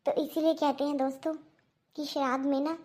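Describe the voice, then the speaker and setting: Woman narrator, high voice, preachy moral wrap-up to viewers. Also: level tone, fairly quick, darkish tone. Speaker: channel narrator.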